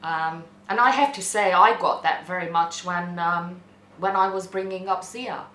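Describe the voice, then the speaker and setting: Speaking at a measured pace with fairly even intonation, a middle-aged woman with a deep, slightly bright voice reflects openly and unhurriedly, stopping to find words and repeating some. She comes from a non-English-speaking country outside the UK, has a first language other than English, and appears in a documentary as an interpreter. The room echoes, with a hiss behind her.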